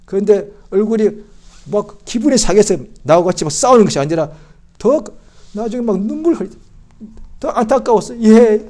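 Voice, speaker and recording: A male pastor giving a Christmas sermon in church, swinging from loud outbursts to hushed, quiet speech. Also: very high-pitched. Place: church service.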